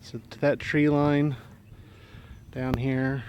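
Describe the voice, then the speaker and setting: A homesteading vlogger with a medium-pitched, fairly flat voice speaks slowly, slightly out of breath, as he gives a meandering, easygoing walking tour of his rural property. The recording is muffled, with a noisy background.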